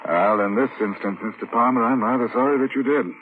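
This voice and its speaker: In a tinny, hissy old radio drama from the 1940s or 1950s, a man plays a courteous, methodical police inspector who narrates his investigation in first person. His mid-range voice stays close to everyday speech, formal and careful, as he puts polite, probing questions.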